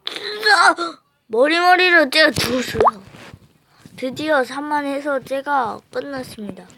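A woman's voice: high-pitched, fairly bright tone. A woman chatting playfully while commenting on a mobile game she is playing. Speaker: gamer. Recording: noisy phone recording.

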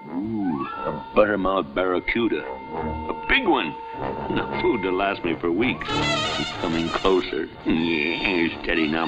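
An actor playing a bumbling, nearsighted old rich man in a cartoon, mumbling asides to himself and bursting into frantic shouts. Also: sits low, lo-fi sound, exaggerated voice. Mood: muttering. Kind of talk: cartoon voice acting. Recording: loud music bed behind.

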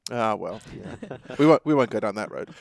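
A man co-hosting a podcast interview who talks in a quick, affirming way with many restarts, into a headset mic. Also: fairly low pitch, animated, vocal fry, dry recording, clean studio sound. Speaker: podcast co-host. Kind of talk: casual interview chat.

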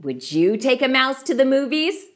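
A middle-aged woman reading aloud to young children in an expressive storytime voice, as a children's host. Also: high-pitched, normal speed, no room sound, studio quality.

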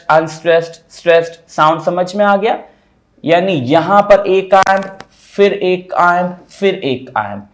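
Slow, higher-voiced man teaching verse. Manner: explains step by step with rhetorical questions; reads verse slowly, syllable by syllable. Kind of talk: exam-prep lecture.

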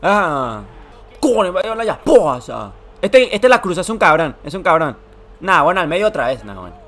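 A young man, giving excited, emotional commentary over a football video game he is playing. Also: high-pitched, moderate pace. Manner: emotional, shouts and groans at every play. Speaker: gaming YouTuber.

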